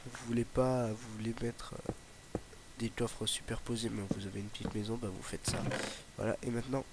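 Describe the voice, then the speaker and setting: A young male gaming YouTuber with a slight Ardèche accent chats casually through a Let's Play, rambling with lots of fillers and restarts. His mid-range voice stays level at a moderate pace, recorded on a noisy home mic.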